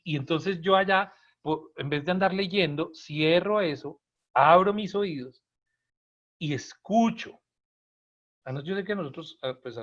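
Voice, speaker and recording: A man's voice: on the high side, fairly bright tone. A man teaching an informal Bible talk to a group, speaking conversationally and often checking in with his listeners. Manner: acts out quoted lines with sudden emphasis. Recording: dull lo-fi recording.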